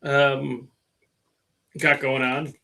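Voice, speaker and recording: A middle-aged man hosts a casual stream about his car, his medium-pitched voice level and sharp, with drawn-out words and vocal fry. He meanders through the talk with many fillers and self-mockery, reading out comments from viewers.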